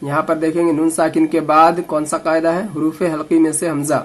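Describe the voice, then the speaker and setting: A man teaching Quran reading, slowly spelling out syllables letter by letter and then explaining the rules in quicker asides, with an Indian Urdu-Hindi accent. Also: a little high, little pitch movement, faint music behind. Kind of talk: slow letter-by-letter recitation lesson.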